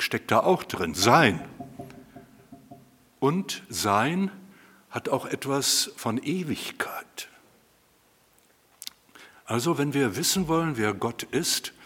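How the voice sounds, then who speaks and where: Husky preacher man in a reverberant hall. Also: a little high. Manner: conversational, animated, addressing the congregation directly. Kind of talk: sermon. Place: church hall before a congregation.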